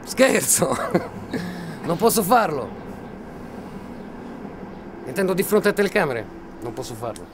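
Militiaman, menacing, mocking, swinging wildly in pitch, gravelly edge. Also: very animated, a little slow, pauses often, background noise. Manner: taunting, mocking, bursts into shouting. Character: volatile, menacing male militiaman. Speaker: soldier threatening a journalist. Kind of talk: film acting.

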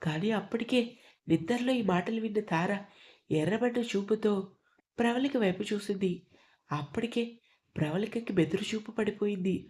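A woman reading scripted narration for an audio story. Her delivery is steady and measured. Her tone is mellow and dark. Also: mid-range voice.

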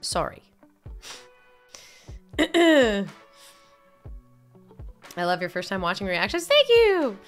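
A woman's voice: medium pitch, very animated, very slow, long pauses, faint music behind. A young woman from upstate New York, live streaming and chatting bluntly with viewers as she reads their messages. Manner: blunt, candid, swears casually.

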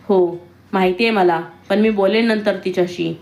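A woman voicing a brusque, irritable young man in a read-aloud romance story, with sharp, clipped questions. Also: medium pitch, fairly even intonation, normal speed, lightly acted. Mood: dismissive.

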